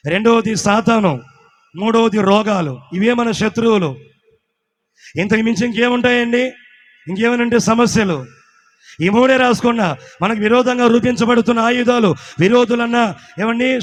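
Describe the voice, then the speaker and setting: A man preaching in call-and-response, leading the congregation to repeat lines. He swings from shouted peaks to quiet asides. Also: very high-pitched. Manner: repeats lines for the crowd to echo. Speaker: pastor.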